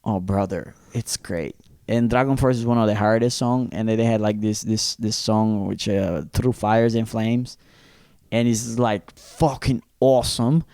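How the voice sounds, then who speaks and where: A young Brazilian man co-hosts a comedy podcast, telling stories animatedly, swearing casually and acting out quotes. His fairly low voice is mellow, dark and smooth, and his pace is measured. The recording is close and dry, with no echo or room sound.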